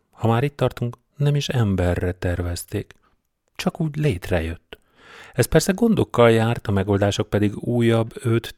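Low-voiced male audiobook narrator. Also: a little mellow, no echo, studio quality. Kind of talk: scripted narration.

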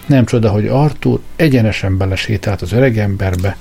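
A man reading a story aloud as narrator, in a measured storytelling manner. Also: fairly low pitch, vocal fry, mellow, slightly rough. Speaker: audiobook narrator. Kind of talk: scripted narration. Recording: faint background music.

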